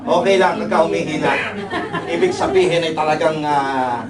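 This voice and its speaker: A man's voice: a little high, moderate pace, crowd noise. A man preaching a sermon, switching between languages and calling out to the congregation for replies. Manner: preaching in mixed Tagalog and English, calling for replies. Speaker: pastor. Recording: echoey hall, distant mic, audible congregation.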